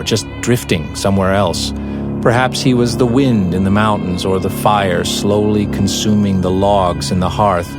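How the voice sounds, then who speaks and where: A man narrates a fantasy audiobook in a measured, scripted delivery. His voice sits very low. Faint music plays underneath.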